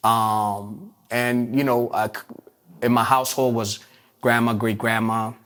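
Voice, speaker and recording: A man's voice: mid-range voice, steady tone, a bit bright. A man from Puerto Rico, telling his life story in an interview with many fillers and restarts. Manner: halting, many restarts and fillers, streetwise phrasing. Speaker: interview guest.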